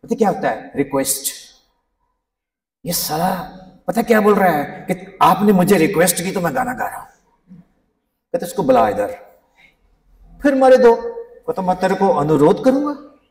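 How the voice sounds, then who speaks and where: A man in his fifties, a physics teacher giving a humorous, animated motivational talk to students, mixing English phrases into his speech. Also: high voice, normal speed, long pauses, a little hiss or hum. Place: large school hall. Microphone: handheld mic, recorded from a distance. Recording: echoey hall, distant mic.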